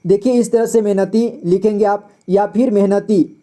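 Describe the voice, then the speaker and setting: A man teaching a reading lesson step by step, patiently sounding out words slowly and repeating them syllable by syllable. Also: high-pitched, fairly even intonation, warm tone.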